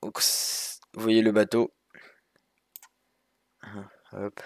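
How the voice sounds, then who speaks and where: A man's voice: lowish voice, level tone, extremely slow, darkish tone, no room sound, studio quality. A man casually narrating a walkthrough of a sailing game over his screen, rambling with many fillers and restarts. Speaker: gaming youtuber.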